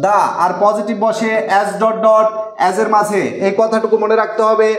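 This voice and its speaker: A man teaching English in a live online class, repeating word forms slowly so students can write them down. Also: high voice, level tone, roomy sound.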